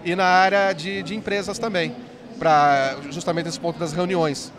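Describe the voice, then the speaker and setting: A man in his forties who founded an app company speaks into a handheld mic at a trade fair interview, talking fast and enthusiastically about his product with frequent "né"s. His high voice holds a steady tone over the crowd of the bustling expo hall.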